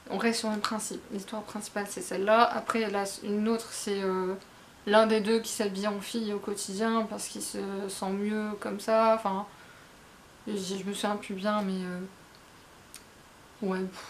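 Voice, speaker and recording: A woman's voice: mid-range voice, a little hiss or hum. A woman giving a casual, rambling spoken review of manga. She hesitates a lot, corrects herself and talks straight to her viewers with frank asides. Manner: chatty, addresses viewers directly. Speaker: manga reviewer, book blogger.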